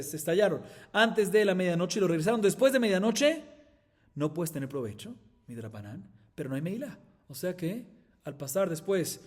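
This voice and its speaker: A man from Colombia teaching a Talmud lesson as a rabbi, with animated rising emphasis and frequent rhetorical questions to his listeners. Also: sits high. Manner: reads Aramaic text in quick chant.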